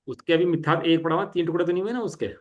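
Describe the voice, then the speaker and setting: A middle-aged man teaching a study class, reading definitions slowly and asking students to check their understanding. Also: fairly high pitch, lo-fi sound.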